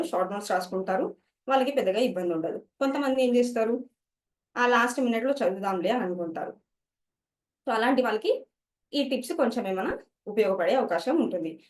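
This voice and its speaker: A woman's voice: a little high, recorded from a distance. A woman teacher, explaining study skills to students and mixing English words into her talk.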